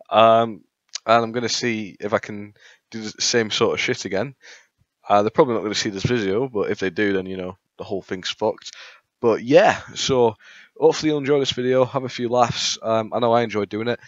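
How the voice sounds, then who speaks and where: A man's voice: medium pitch, a little fast, no echo. Laid-back man with a dull mic. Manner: relaxed, mumbly, swearing freely. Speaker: video uploader. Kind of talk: casual video intro.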